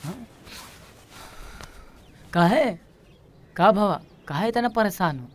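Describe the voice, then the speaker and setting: An actor playing a folksy village friend who coaxes and advises. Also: male voice, sits high, lively intonation, slight background noise. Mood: coaxing. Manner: coaxing, folksy, drawn-out calls. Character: village fixer friend, man, folksy and coaxing. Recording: film soundtrack with background music.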